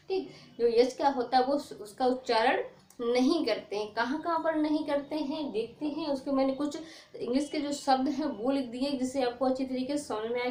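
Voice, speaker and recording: A woman's voice: high voice, darkish tone, roomy sound. A woman teaching a board lesson on pronunciation, repeating herself and quizzing her listeners with questions. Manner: repetitive, quizzing questions, slow stressed examples. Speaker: English teacher.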